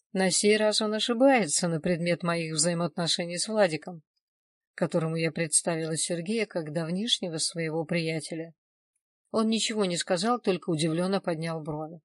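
A woman's voice: lowish voice, no room sound, studio quality. Woman reading a first-person novel. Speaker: audiobook narrator.

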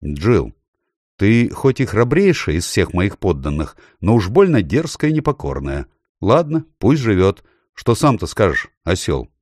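A man's voice: lowish voice, very animated, a little slow, no room sound, clean studio sound. A man voicing a stern, commanding young king. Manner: forceful and regal.

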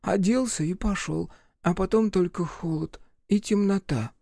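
Brief: man voicing a shivering little boy, stuttering, high voice. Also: measured pace, vocal fry, dark tone, no room sound, studio quality, heavily acted. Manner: stammering through chattering teeth. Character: frozen little village boy, timid and shivering.

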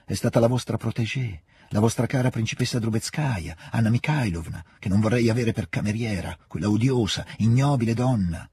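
A man's voice: lowish voice, fairly quick, few pauses, warm tone, husky, voice pushed up. A man reading aloud, voicing a bitter, spiteful young princess who speaks in vehement outbursts. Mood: indignant. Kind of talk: audiobook reading.

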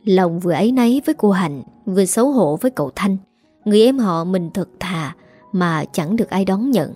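A woman narrating a family story in a steady, dramatic telling. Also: medium pitch, a little fast, breathy edge. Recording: dry, faint music behind.

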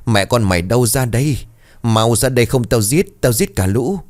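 A man's voice: fairly low pitch, lively intonation, fairly quick, dry recording. A man voicing a grief-crazed older village chief who wails and rants. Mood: raging. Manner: wailing, ranting.

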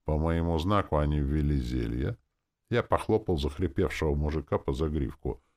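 Deep-voiced man narrating an audiobook. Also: moderate pace, a little mellow.

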